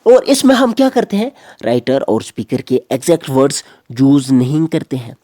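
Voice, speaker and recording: Male teacher, animated grammar lecture, close dry sound, repeats points to drive them home. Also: medium pitch, normal speed, dry recording. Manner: explains step by step, repeating key phrases.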